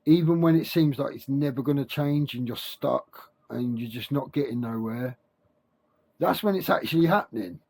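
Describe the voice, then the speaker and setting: A man speaking without his teeth, with soft gummy consonants, giving a halting, repetitive, informal spiritual monologue to camera. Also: medium pitch, vocal fry. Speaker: self-help video creator.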